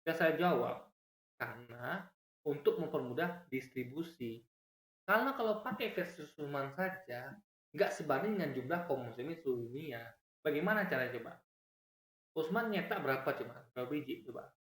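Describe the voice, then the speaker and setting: Animated man arguing in an echoey room. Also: normal speed, pauses often. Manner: argumentative, explains with repeated asides, swings pitch widely. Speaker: commentator reacting to a video. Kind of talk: animated reaction commentary.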